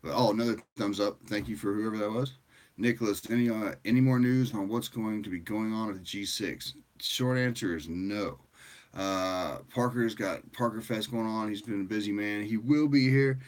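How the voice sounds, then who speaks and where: A tired man hosting a livestream, chatting casually with viewers in a rambling, relaxed way. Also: lowish voice, moderate pace. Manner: rambling and relaxed, with frequent fillers and laughs. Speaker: livestream host.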